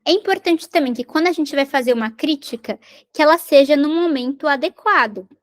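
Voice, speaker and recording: Brief: woman, parenting educator, high voice, explanatory lecture tone. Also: a little fast. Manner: explanatory, repeats and rephrases points, tag questions. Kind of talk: recorded lecture on parenting skills.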